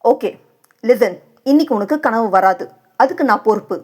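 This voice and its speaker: A woman voicing a young husband who speaks firmly and reproachfully, warning and calming his wife. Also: fairly high pitch, normal speed. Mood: exasperated. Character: stern young husband, firm but caring.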